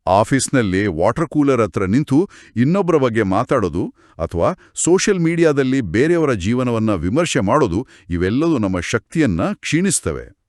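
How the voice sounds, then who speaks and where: A man's voice: mid-range voice, very animated, moderate pace, darkish tone, dry recording, clean studio sound. A man in a spiritual discussion podcast, explaining teachings through everyday examples.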